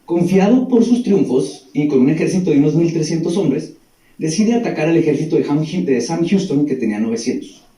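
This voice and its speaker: A man's voice: on the high side, lively intonation, fairly quick, warm tone. Young man, Mexican Spanish accent, slangy reaction commentary, roomy echo, distant mic. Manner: slangy, jokey, retells history between quips. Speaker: history reaction host.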